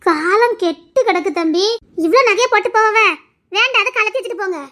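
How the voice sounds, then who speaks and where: A woman playing a sharp-tongued village mother-in-law who scolds and demands in a family drama skit. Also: extremely high pitch, a little fast. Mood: worried.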